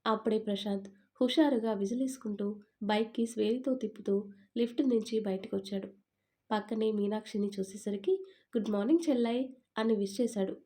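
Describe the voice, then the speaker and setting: A woman reading a story aloud in a steady, expressive narration. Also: mid-range voice, fairly quick.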